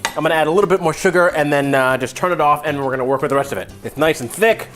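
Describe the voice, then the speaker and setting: In a home kitchen, a man hosts a casual, comedic cooking lesson, loose and rambling as if drunk, irreverent and a bit profane. He talks rapid-fire in a fairly bright voice on the high side.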